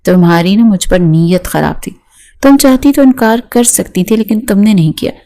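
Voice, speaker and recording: A woman's voice: medium pitch, lively intonation, mellow, close to an everyday voice. A woman voicing an angry, spiteful young husband who talks in a harsh, scornful, threatening way.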